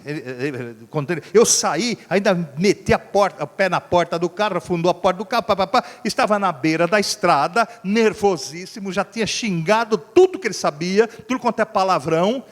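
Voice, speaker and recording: A middle-aged Brazilian man, preaching a sermon as a pastor and acting out a story with voices and sound effects. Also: high voice. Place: church hall. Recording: church hall reverb.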